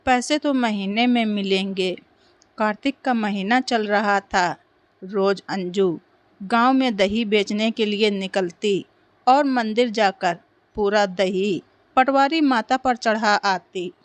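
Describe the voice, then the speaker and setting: A woman narrating a moral folk tale in a steady, simple storytelling manner. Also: medium pitch, takes it slowly, no room sound.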